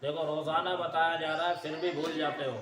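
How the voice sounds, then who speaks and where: A man with a fairly high voice gives a tajweed lesson and chants each phrase slowly and at length for a pupil to repeat. His explanations are firm and patient. The room is echoey, and his voice is picked up from a little distance. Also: flat delivery, a crowd in the background. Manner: slow, drawn-out chanted examples between firm, patient explanations. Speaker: Quran recitation teacher.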